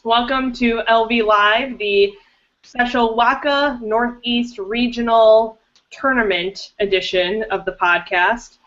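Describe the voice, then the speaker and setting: A woman hosts a casual live-streamed podcast, introducing her guests in a chatty, upbeat way. Her voice sounds bright and forceful. It comes through a dull, lo-fi video call. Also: fairly high pitch, steady tone, slow. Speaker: podcast host and director.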